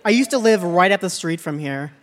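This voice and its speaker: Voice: mid-range voice, expressive, fairly quick. A guest comedian doing live stage banter, bubbly, giggly and eager. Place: large theater stage before an audience. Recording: live theater with reverb and crowd noise.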